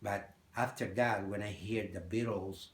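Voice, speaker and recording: A man from Peru with a Spanish accent, a guitarist answering interview questions in halting English. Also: fairly low pitch, fairly even intonation, reverberant. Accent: Peruvian Spanish. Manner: halting, searching for English words. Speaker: guest guitarist. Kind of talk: interview conversation.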